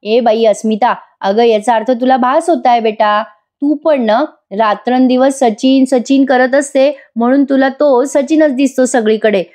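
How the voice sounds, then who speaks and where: A woman lends her voice to an elderly grandmother who fusses and keeps asking questions. She raises her pitch and speaks with fond concern. The tone is mellow. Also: fairly even intonation, measured pace. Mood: fussing. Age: over 60. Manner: fussing, questioning. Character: elderly grandmother, fussy and doting.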